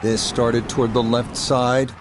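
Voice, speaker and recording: A man's voice: medium pitch, flat delivery, measured pace, a loud crowd, heavy background noise, close to an everyday voice. A man giving golf commentary as the play-by-play anchor of a televised-style game broadcast, with a polished announcer delivery.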